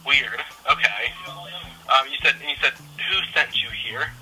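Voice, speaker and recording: A retail store employee speaks over a phone call, his mid-range voice unhurried and telephone-filtered, with music in the background. His customer-service manner is casual and polite, if somewhat hesitant.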